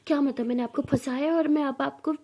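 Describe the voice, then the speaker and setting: A woman voicing a quick-tempered young college student who talks sharply and bossily. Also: high-pitched, steady tone. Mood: bossy. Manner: sharp and bossy, softening into coaxing.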